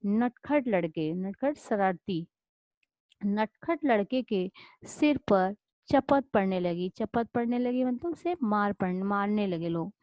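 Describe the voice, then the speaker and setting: A woman's voice: medium pitch, dry recording. A woman teacher retelling a story and stopping often to explain words, with many restarts. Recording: dull lo-fi dry recording.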